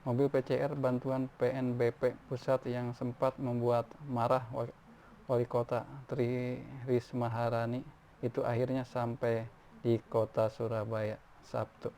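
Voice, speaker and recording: A man's voice: mid-range voice, monotone, unhurried, dark tone. A man reading news articles aloud, often stumbling and restarting words. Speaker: news reader. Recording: faint background noise.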